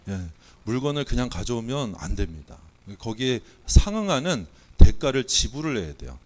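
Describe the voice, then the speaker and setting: Weakened by a cold, a Korean pastor's voice isn't coming out well as he preaches in a church sanctuary. At an ordinary pitch, very animated and at a moderate pace, he stays playful, quizzing the congregation and calling out their bids in an auction.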